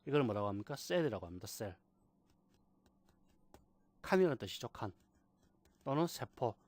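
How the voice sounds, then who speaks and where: A man teaching a software class, patiently repeating key terms and asking rhetorical questions. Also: medium pitch, big pitch swings, moderate pace. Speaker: computer instructor. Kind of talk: screen-recorded software tutorial.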